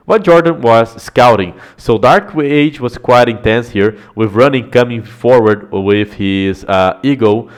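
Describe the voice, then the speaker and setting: A male streamer talks his viewers through a strategy-game series in a loose, casual way. He chats with the audience between plays, laughs often and swears freely. His voice sits at an everyday middle pitch.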